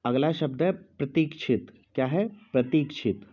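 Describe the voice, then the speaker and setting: Guy giving a slow spelling dictation, repeats every word, kinda dull audio. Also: medium pitch, mellow, slightly rough. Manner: speaks slowly with pauses, repeats each word. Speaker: Hindi teacher.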